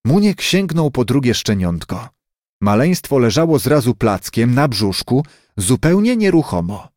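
A man narrating a children's story chapter as an audiobook, in an expressive, lively way. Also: mid-range voice, a little slow, dry recording, studio quality.

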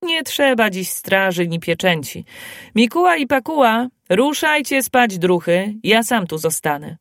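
Bold, fiery little dwarf, voiced by a woman reader, higher and louder than her narration, dry close sound, storybook. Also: big pitch swings, measured pace, no room sound. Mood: resolute. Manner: loud, emphatic and indignant. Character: bold, excitable male dwarf.

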